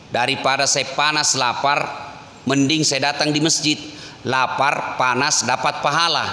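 A man's voice: on the high side, pushed and bright. A male preacher giving a humorous sermon, telling stories with acted dialogue and teasing asides to the congregation. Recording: echoey hall, faint ambient noise.

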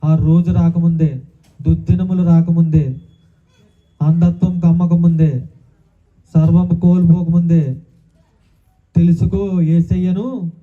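Man, pastor, sermon, rhetorical questions, somewhat high pitch, narrow tinny sound. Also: little pitch movement, slow pace, pauses often. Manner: preaching with repeated hallelujahs and rhetorical questions.

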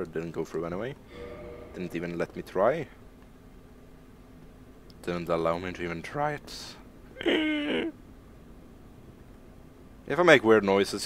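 A man's voice: sits low, expressive, normal speed, slight background noise. A man from Sweden giving casual live-stream commentary while he plays a game, rambling, joking at his own expense and swearing casually. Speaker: gaming streamer.

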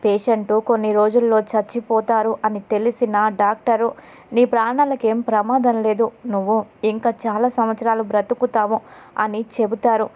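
A woman's voice: fairly high pitch, flat delivery, normal speed, darkish tone, lo-fi sound, lightly acted. A woman narrator voicing a young woman who defends her sister, speaking indignantly and pleadingly.

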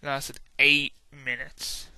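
Tired male wrestling commentator, bright and slow, casual and rambling, dry close sound. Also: medium pitch, little pitch movement, clear, resonant tone, no room sound. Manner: casual, rambling, hums and sings to himself between calls. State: tired, yawning. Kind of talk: video game wrestling commentary.

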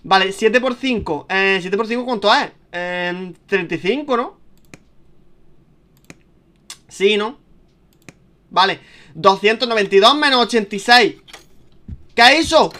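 A young man with a Spain Spanish accent, chatting casually and swearing as he plays a video game, turning panicky and loud when scared. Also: high voice, a little slow, pauses often. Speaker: gaming streamer. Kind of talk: casual let's-play commentary.

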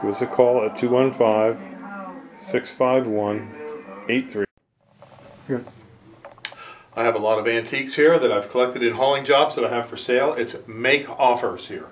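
A hauler who sells antiques gathered from his jobs gives a casual handheld video tour, rambling plainly and reading old items aloud. His medium-pitched voice is fairly even and measured with long pauses, and the rough recording has faint music behind it.

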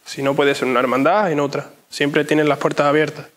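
Slightly high-voiced young man. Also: level tone, fairly quick, a bit bright. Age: young adult. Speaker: interview guest. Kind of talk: conversational interview answers. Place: inside an ornate church.

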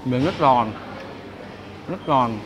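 A young man in a casual food video, speaking through a full mouth as he chews, his voice at a middle pitch. He gets out only short exclamations between bites. There is steady noise behind him. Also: slow pace. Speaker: food vlogger. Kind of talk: casual mukbang tasting chat. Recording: clear background noise.

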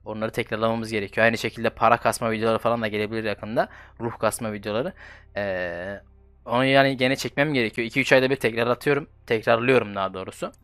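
A man's voice: lowish voice, steady tone, fast, fairly bright tone, smooth, no echo, faint music behind. Male gaming YouTuber, casual slangy commentary over his own mobile gameplay, swears and flares up when frustrated.

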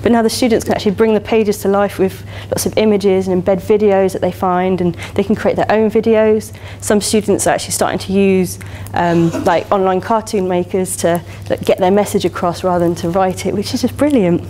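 A woman's voice: mid-range voice, fairly even intonation, a little fast, hardly any pauses, warm tone, a little hiss or hum. A woman in her thirties with an English accent, giving a conference keynote in a chatty, enthusiastic way with many "you know" fillers. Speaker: keynote speaker. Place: lecture hall, standing by a lectern.

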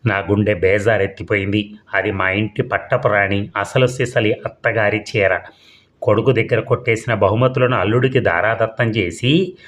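A male storyteller narrating a comic audiobook story in a measured, expressive way. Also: fairly low pitch.

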